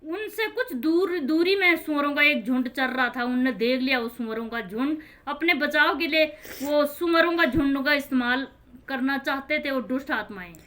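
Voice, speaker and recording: A woman gives an earnest, informal Bible explanation in a high, bright, ringing voice. She keeps restating each verse in her own plain words. She speaks directly to her listeners. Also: moderate pace.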